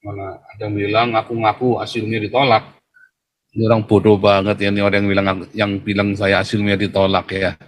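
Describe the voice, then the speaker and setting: A man's voice: lowish voice, little pitch movement, a little fast. A man who is a pastor, talking casually to his livestream audience. He keeps calling his listeners brothers and sisters, and his voice jumps up when he gets worked up.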